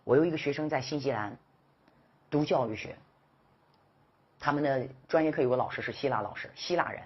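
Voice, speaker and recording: A woman teaching an English exam-prep class, lively and rhetorical, firing questions at her students and coaxing them to read aloud. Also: extremely low pitch, brisk, slightly rough, muffled recording. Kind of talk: classroom lecture.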